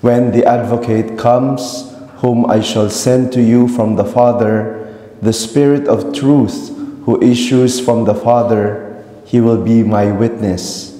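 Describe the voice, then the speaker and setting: Priest reading the gospel. Slow, deep, very dark voice with a long cathedral echo, heard from far off. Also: male voice, fairly even intonation. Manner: slow, solemn, measured proclamation. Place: large church. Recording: echoey church from far off.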